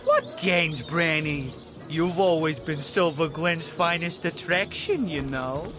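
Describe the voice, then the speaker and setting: A man's voice: fairly high pitch, takes it slowly, noisy background. An actor playing a theatrically seductive, wheedling man full of cheesy flirtation in a video game. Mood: flirtatious, teasing. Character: flirtatious male barker spouting cheesy pickup lines. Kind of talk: video game character acting. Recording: music behind the voice.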